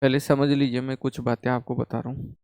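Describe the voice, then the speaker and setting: A young man teaching a math class, talking lively and often checking with his students. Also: mid-range voice, brisk, clear, resonant tone, no echo, studio quality. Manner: animated, repeats "ठीक है?" to check the class. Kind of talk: classroom lecture.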